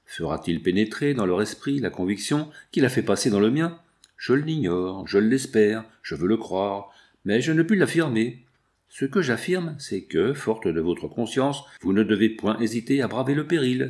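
A man reading the part of a kindly village priest, speaking in a calm, measured way. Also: on the low side, lightly acted. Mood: grave.

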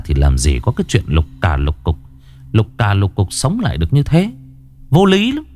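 A man narrating a ghost story in an expressive, dramatic way. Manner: expressive, swinging pitch. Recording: narration over background music.

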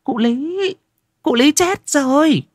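A man voicing a village wife who excitedly spreads gossip to her husband in a high, shrill voice. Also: slow, dry recording, studio quality.

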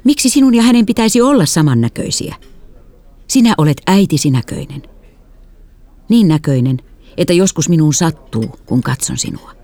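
A woman voicing a tired, gentle middle-aged father who speaks quietly and earnestly. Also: low voice, expressive. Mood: tender.

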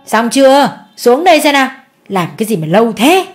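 A woman voicing a shrill, nagging middle-aged stepmother who scolds the children. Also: soft background music, natural voice. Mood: ordering. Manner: sharp, nagging, quick scolding.

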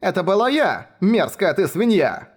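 A man voicing a stubborn, squabbling old woman who yells in slow, drawn-out bursts. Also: a little high, big pitch swings, voice pushed up. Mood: yelling. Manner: loud, drawn-out yelling.

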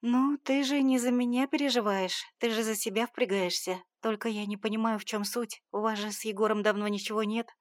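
Lady putting on a nasty scolding mom, sharp tone, loud, no room echo. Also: on the high side, steady tone, fairly quick, few pauses, clean studio sound, lightly acted. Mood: scornful. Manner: sharp, scornful, reproachful. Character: spiteful scolding middle-aged mother.

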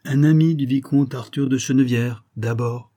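A man's voice: medium pitch, fairly even intonation, normal speed, mellow, voice pushed up, close to an everyday voice. A man reading aloud plays a cunning disguised adventurer who speaks with sure, commanding knowingness. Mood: urgent, insistent.

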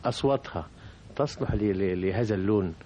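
A man's voice: fairly low pitch, fairly quick, dark tone. A man with an Egyptian accent hosting a radio interview, pressing his guest with probing questions. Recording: dull old radio recording with faint hum.

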